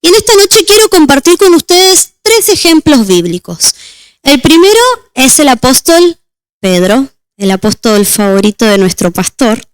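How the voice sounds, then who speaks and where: A woman deaconess preaching a sermon and reading scripture aloud, slowing down on key words. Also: high-pitched, clear, resonant tone, dry recording. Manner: measured, slows on key words.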